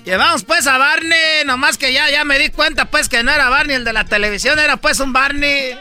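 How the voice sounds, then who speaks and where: A man spins a comic yarn as a boastful country rancher. His voice sits very high and sounds piercingly bright. He rambles along, leaning on endless fillers. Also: brisk, faint music behind. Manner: rambling, full of fillers like "pues", laughing at his own tale. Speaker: radio comedy host. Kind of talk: comedic storytelling in a rancher persona.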